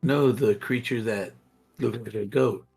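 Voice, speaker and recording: A man's voice: mid-range voice, measured pace, vocal fry, darkish tone, husky, soft background music. A man playing a tabletop fantasy game, talking in casual in-character banter.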